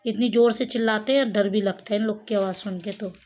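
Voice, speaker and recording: A woman's voice: medium pitch, fairly even intonation, a little fast, a little mellow, a little hiss or hum. A woman filming a cat in her home courtyard on a phone, talking to it and calling it in a coaxing, sing-song way. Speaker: pet vlogger. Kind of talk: casual talk to a cat while filming. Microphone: phone camera.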